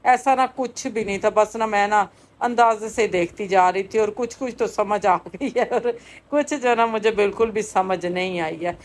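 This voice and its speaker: A woman's voice: medium pitch, slight background noise. Chatty woman vlogging. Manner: chatty, many fillers. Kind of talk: casual narration.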